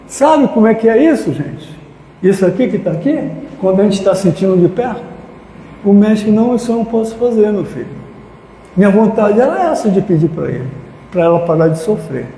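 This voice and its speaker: A man's voice: sits high, big pitch swings, a little fast, warm tone, a little hiss or hum. A man giving an emotional personal testimony in a spiritist lecture, speaking straight to his listeners. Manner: emotional storytelling, addresses audience directly. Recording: echoey hall with long reverb.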